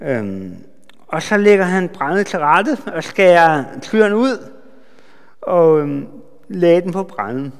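A man giving a sermon, retelling a Bible story with lively asides to his listeners. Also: high-pitched, smooth. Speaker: preacher. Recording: long hall reverb.

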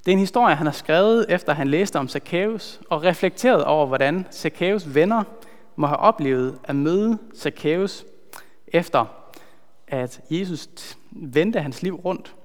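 A man preaching a sermon in an earnest, measured way, slowing down to stress key words. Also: on the high side. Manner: earnest, measured, slows for emphasis. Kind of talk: sermon with a retold story. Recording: long hall reverb.

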